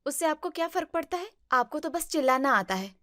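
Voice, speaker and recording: A woman's voice: high-pitched, animated, pushed and bright, no room sound, clean studio sound. A woman playing a young newlywed wife, a vlogger who sulks and teases her husband. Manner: pouting, quick to take offense. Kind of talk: family drama acting.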